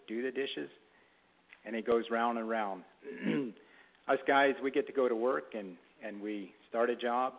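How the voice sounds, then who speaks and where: A man preaching a Mother's Day sermon in a halting way, with restarts and throat clearing, reading a story to his congregation. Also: medium pitch. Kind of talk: sermon with a read-aloud story. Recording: tinny phone-like sound.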